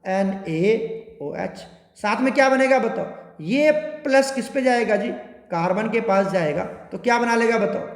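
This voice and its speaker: High-voiced man lecturing in an echoey classroom. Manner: questioning students constantly, repetitive, drawn-out spelling. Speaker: chemistry teacher. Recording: echoey room with long reverb.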